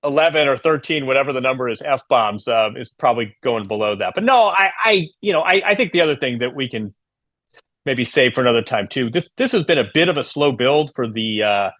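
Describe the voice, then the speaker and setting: A man co-hosting a casual chat show, talking in a measured, analytical way with a wry edge. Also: medium pitch, expressive, fairly bright tone, dry recording. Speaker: podcast co-host.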